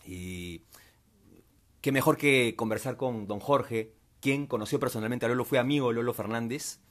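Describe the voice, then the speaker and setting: A man hosting a sports chat, introducing guests and pitching a sponsor into a handheld mic in a small room. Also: normal speed. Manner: lively, promotional, reads out phone numbers. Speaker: host. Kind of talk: sports talk show hosting. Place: small cluttered decorated room, indoors. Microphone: handheld wired mic.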